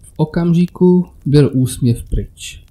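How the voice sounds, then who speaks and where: Man, horror story narrator, very dark and mellow, measured, scripted. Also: a little high, slight background noise.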